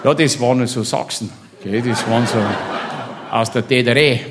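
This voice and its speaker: A man's voice: medium pitch, steady tone, moderate pace, noisy background. A man with a Bavarian accent telling a comic story in a rambling, chummy way and keeps checking in with his listener.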